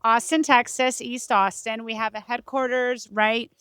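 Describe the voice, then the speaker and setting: A woman's voice: fairly high pitch, unhurried, clean tone, no room sound. Upbeat woman, dry close sound. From Canada. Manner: energetic, upbeat, laughs often. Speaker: podcast guest, startup co-founder. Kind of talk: casual podcast interview.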